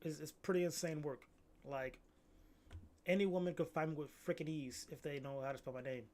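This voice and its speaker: Young man, easygoing slangy chat, voice sits a bit high. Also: steady tone, a little fast, a little mellow. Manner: laid-back slangy, says "bro" often. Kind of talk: casual chat.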